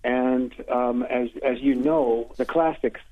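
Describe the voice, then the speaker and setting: A man answering radio interview questions as a literary translator, halting with many hesitations and restarts. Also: mid-range voice, steady tone, dry recording. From United States. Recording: tinny phone line, dry.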